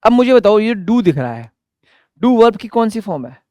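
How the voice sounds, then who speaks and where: A man teaching an English grammar lesson, loud and energetic, asking questions and answering them himself. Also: high voice, dry recording. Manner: drills example sentences slowly word by word. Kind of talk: classroom lesson.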